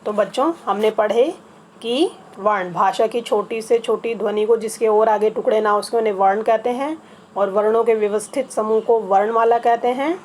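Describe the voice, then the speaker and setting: A woman's voice: fairly high pitch, a little mellow, slight background noise. A woman teaching a grammar lesson to children, explaining patiently and repeating each item one by one. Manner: patient, spells things out slowly with repetition.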